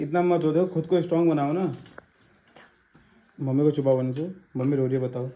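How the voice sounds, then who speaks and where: Mellow man gently consoling. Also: fairly high pitch. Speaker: vlogger, husband. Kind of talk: casual family vlog talk.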